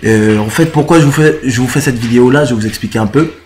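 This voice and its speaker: A man from the Congo talks straight to the camera about his cause. His is marked, and his speech keeps stopping on fillers and restarts. His voice sits at an ordinary middle pitch. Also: slight background noise. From Republic of the Congo. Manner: halting, many "euh" fillers and restarts. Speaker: musician and citizen activist. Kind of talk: casual direct-to-camera explanation.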